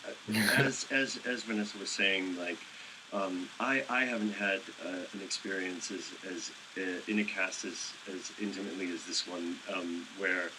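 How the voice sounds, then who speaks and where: A man interviewed at a live event, speaking haltingly and searching for words with many fillers. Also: low-pitched, fairly even intonation. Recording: noisy live event audio.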